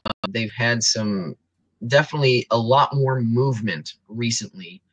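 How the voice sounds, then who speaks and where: Bright-toned man talking fight stats. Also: medium pitch, moderate pace, dry recording, poor audio. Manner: analytical, reels off stats with frequent ums. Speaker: sports podcast co-host. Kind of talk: casual sports talk.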